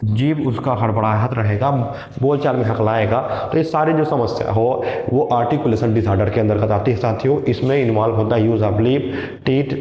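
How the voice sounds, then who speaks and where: A man's voice: mid-range voice, mellow, slight background noise. A male teacher giving an exam-prep lecture in Hindi with a Chhattisgarh accent, repeating key terms, mixing in English words and asking questions that he answers himself. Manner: asks the class questions and answers them. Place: classroom. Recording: echoey lo-fi classroom recording.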